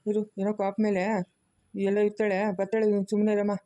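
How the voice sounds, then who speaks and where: A man's voice: sits high, completely flat delivery, quick pace, mellow, no echo. An older man with a rural Chikkaballapur Kannada accent, playing a worried grandfather who soothes his family. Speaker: grandfather in a village family drama. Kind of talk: village web-series acting.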